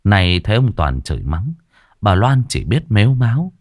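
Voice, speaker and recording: A man's voice: on the low side, very animated, moderate pace, darkish tone, no room sound, studio quality. A man reading a ghost story aloud with dramatic, suspenseful delivery. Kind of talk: scripted ghost story narration.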